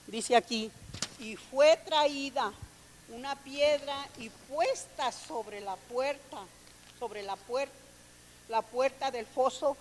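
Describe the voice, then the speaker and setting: Woman preaching, slow and a bit high, reads scripture out, long hall echo. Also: slight background noise. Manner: reads scripture aloud, calls listeners brother and sister. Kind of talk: sermon with scripture reading.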